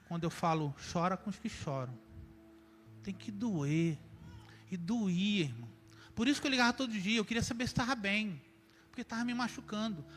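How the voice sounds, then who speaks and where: A man preaching a sermon, emphatic, moving between loud urging and quiet reflection. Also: high-pitched, slight background noise. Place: church sanctuary. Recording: church hall with long reverb and faint music.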